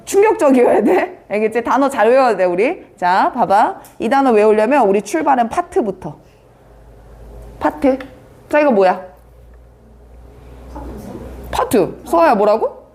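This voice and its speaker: A woman teaching an English vocabulary class, brisk and teasing, quizzing students by name. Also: fairly high pitch, big pitch swings, a little mellow. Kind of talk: live online vocabulary class.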